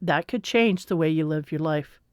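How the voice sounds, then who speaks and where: A woman's voice: deep voice, moderate pace, clear, resonant tone, no room sound, studio quality. A woman in her forties, an energy reader, talking casually and rambling through a confessional story. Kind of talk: casual spiritual monologue.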